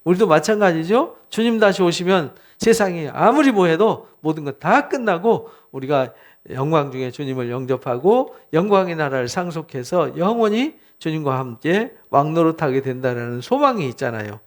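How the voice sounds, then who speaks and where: A man preaching a Bible study sermon as pastor, animated, putting questions to his listeners and answering them himself. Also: on the high side, moderate pace.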